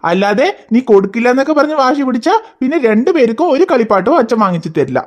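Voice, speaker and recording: Woman doing a cartoon dad, patient, coaxing, gently firm, somewhat high voice. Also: big pitch swings, quick pace. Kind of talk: cartoon voice acting.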